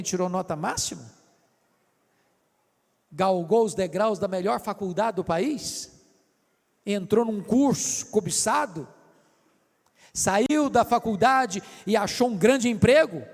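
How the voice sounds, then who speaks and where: An older Brazilian man preaching a sermon with a Brazilian Portuguese accent, swinging between shouting and speaking softly. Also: sits high, creaky. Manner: impassioned, swings from shouting to soft. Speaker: pastor. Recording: hall reverb.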